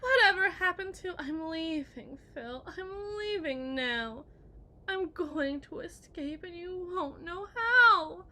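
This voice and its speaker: In an ASMR roleplay monologue, a woman plays a possessive, unhinged kidnapper wife, theatrical and taunting as she swings between hushed and shrill. Her exaggerated voice moves slowly, with lively intonation.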